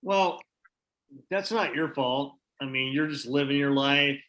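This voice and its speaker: Bright-voiced man chatting casually. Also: mid-range voice, a little slow, rough recording. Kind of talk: casual chat.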